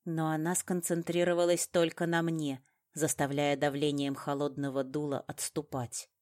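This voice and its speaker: A woman with a deep, low voice narrates an audiobook in the first person. She reads in a measured, dramatic way, with steady control over each sentence.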